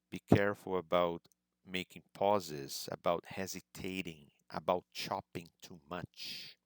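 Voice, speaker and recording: A man teaching exam preparation, explaining step by step in a measured way and modeling example phrases. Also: low voice, dry recording, studio quality. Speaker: English exam prep teacher. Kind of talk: instructional lecture.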